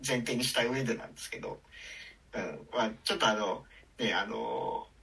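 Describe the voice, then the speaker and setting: A man co-hosting a casual podcast chat, speaking haltingly with many fillers and dry remarks. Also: on the low side, sing-song, vocal fry, sharp tone, distant mic, poor audio. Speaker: podcast co-host.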